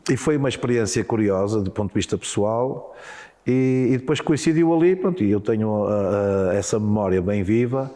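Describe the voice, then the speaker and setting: A middle-aged former handball player with a European Portuguese accent tells stories in a relaxed interview. His voice is on the low side and dark-toned, with lively intonation and a slightly fast pace. Hesitant, he stumbles, repeats words, and restarts often, and the audio has a big-room sound.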